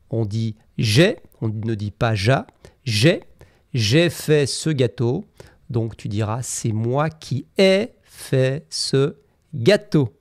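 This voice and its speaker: A man leads a grammar lesson, speaking at an unhurried, measured pace and spelling out example sentences with care. His voice sits at an ordinary middle pitch. The recording is close and dry, with no room echo. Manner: slow, carefully articulated example sentences. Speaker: French teacher. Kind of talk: scripted language lesson.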